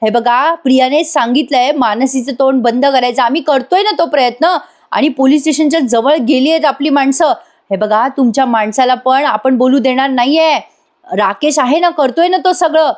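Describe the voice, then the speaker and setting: A nervous henchman keeps assuring his angry boss that all is under control, voice lifted and hurried , played by a woman narrator. He sounds placating and uneasy, from a retold TV drama. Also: high-pitched, pitched above the performer's own voice, natural voice.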